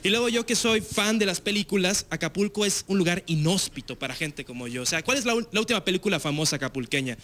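A young Mexican man with a Mexican accent does a casual, slangy stand-up set on a TV studio stage before a live audience, full of filler tags. His high voice is animated, fast and fairly bright, with few pauses.

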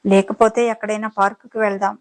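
A fed-up young woman speaks her mind plainly in a spoken audiobook drama, as a woman narrator performs her. She is serious and sharp-tongued. Her voice stays close to the narrator's own pitch. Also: little pitch movement, fast talker, natural voice, poor audio. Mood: irritated.

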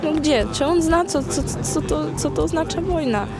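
A woman's voice: high voice, lively intonation, moderate pace, over music. A woman from Ukraine speaks emotionally and pleadingly in a spontaneous street interview. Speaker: protest participant interviewed. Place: outdoors in a town square.

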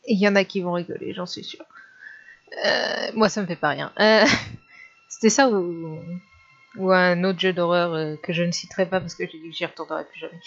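A woman chatting casually and hesitantly while she plays a horror game in a dark bedroom. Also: fairly low pitch, muffled recording. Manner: chatty, hesitant with many fillers. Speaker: gamer. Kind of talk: casual let's play commentary.

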